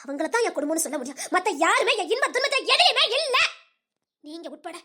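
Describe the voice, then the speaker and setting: A woman's voice: very high-pitched, big pitch swings, fast talker, bright, forceful tone, exaggerated voice. A woman playing a defiant daughter-in-law who answers firmly and refuses to explain herself in a TV serial. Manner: firm, curt, argumentative. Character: defiant daughter-in-law standing her ground. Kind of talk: TV serial acting.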